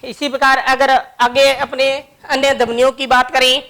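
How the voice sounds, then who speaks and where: A woman's voice: high-pitched, level tone, normal speed, sharp tone. A woman teaching a grammar lesson, explaining each example word by word.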